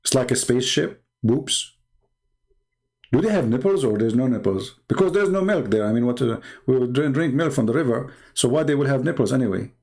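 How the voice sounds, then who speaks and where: On his casual live stream, an Arabic-accented man from the Middle East, a native Arabic speaker, plays the religious apologist with sarcasm and ridicule, repeating phrases to stress them. He speaks fairly quickly at medium pitch, expressive and a little mellow.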